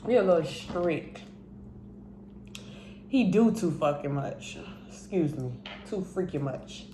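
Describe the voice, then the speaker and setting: Her voice sits on the low side with lively intonation at a slow pace, recorded in a reverberant space with noisy background. She's a tipsy mukbang vlogger in her twenties, from Indiana and raised in Miami and Georgia, chatting casually while eating on camera. Between stories she chews and hums, staying chatty throughout.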